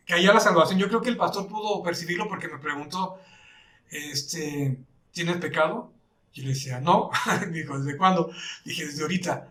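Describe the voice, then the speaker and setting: A man's voice: fairly high pitch, bright, forceful tone, distant mic. Mexican man telling his testimony, echoey room. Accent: Mexican Spanish. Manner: earnest storytelling, acting out dialogue. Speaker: church member giving testimony. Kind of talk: personal testimony.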